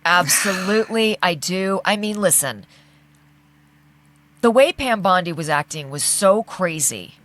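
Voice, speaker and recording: Lively woman telling a story. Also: lowish voice, unhurried, no echo. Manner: animated storyteller, acts out quotes. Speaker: podcast co-host. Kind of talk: casual conversation.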